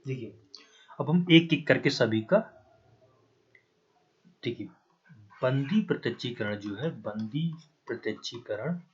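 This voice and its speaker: Male coaching teacher with a Hindi accent, mid pitch, spells out terms, muffled lo-fi sound. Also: animated, takes it slowly, long pauses, slightly rough. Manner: spells out terms letter by letter, repeats "ठीक है ना". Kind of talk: classroom lecture, writing on a board. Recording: dull, lo-fi recording.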